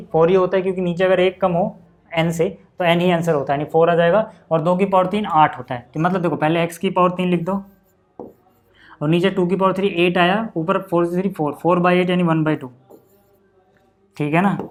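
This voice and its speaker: A man's voice: sits high, fairly even intonation, a little fast. A man teaching maths at a board, chatty and explaining step by step, often asking if the class follows. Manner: chatty, asks check-in questions.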